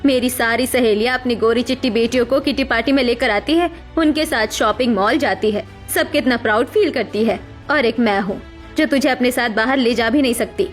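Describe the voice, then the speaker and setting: In a dramatic Hindi cartoon story, a woman voices a harsh, scornful middle-aged mother berating her daughter, scolding with anger and contempt. Her voice is on the high side and brisk, lightly acted, with music in the background.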